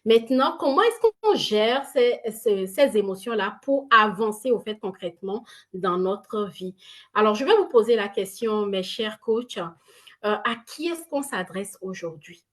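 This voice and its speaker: Slow-talking woman hosting a live stream. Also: mid-range voice, animated. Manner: slow, with many fillers. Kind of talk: hosting an online live session.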